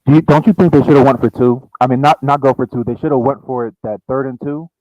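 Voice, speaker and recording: Male caller, muffled low-fi mic, earnest sports debater, dry sound. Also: steady tone, fast, no room sound. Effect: muffled, quiet mic with dull bass-heavy sound.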